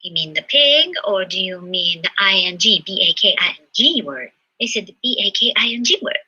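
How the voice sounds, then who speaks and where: A woman performing a solo comedy monologue, chatty, swinging between loud exclaims and hushed asides. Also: medium pitch, lively intonation, brisk, slightly rough. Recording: dull lo-fi livestream sound.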